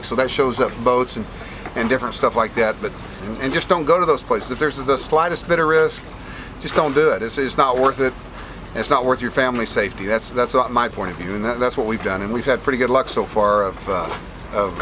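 Man, 40s, plain-spoken sailing vlogger, outdoor deck sound, boat noise clearly behind. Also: mid-range voice. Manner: rambling, restarts and fillers, plain-spoken. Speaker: sailing vlogger answering viewer questions. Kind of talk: casual talk to camera. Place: outdoors on a sailboat deck in a bay. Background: boat and water ambience.

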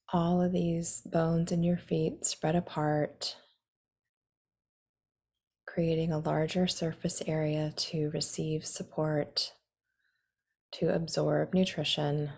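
A woman guides a meditation in a deep, soothing voice, giving instructions while some phrases soften into a breathy near-whisper.

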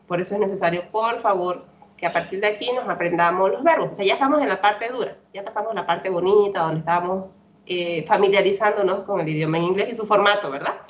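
Woman teacher on a video call, slow patient drilling, kinda dull lo-fi audio. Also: mid-range voice. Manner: patient, repetitive drilling, frequent "¿verdad?" checks. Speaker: English teacher. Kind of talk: online class lecture. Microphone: computer mic on a video call.

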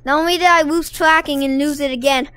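Gaming host, woman, bright and loud, talks nonstop and shouts. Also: sits high, steady tone, fast, no room sound. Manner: rambling, loud, shouts and laughs often. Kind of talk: chatty gameplay commentary.

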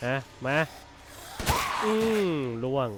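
Loud music plays behind this man's very slow speech as he streams a horror game demo. It's casual let's-play commentary, full of muttering to himself and jumpy, excitable outbursts whenever something startles him.

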